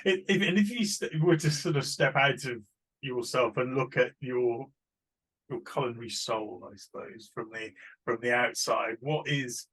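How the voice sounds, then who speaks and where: Reflective male interviewer, medium pitch. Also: moderate pace, fairly bright tone, husky, poor audio. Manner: tentative, reflective phrasing, affirming the guest. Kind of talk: conversational interview.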